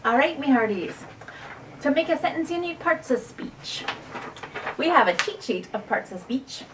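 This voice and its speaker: A woman's voice: sits high, very animated, moderate pace. A woman co-hosting a family video, teaching parts of speech with a playful pirate flavor. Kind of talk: casual teaching presentation. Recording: distant mic with faint noise.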